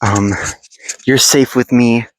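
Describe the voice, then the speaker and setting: Young male co-host, deadpan teasing, mid-range voice, dry close sound, outdoors. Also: medium pitch, slow pace, no echo, low-quality recording. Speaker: podcast co-host. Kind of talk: casual chat. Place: outdoors in the woods. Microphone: handheld mic passed between speakers.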